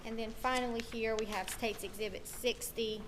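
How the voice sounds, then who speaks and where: Lady lawyer questioning a witness, courtroom recording, slightly high voice, room noise all around. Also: moderate pace. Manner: steady, methodical, with frequent ums. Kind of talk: courtroom examination.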